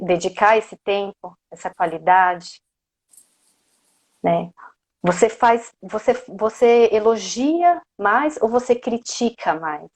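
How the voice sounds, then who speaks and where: Woman coach w/ brazilian accent giving a motivational talk, keeps asking the crowd questions, lots of "né?". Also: mid-range voice. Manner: often ends phrases with a questioning "né?". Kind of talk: motivational lecture.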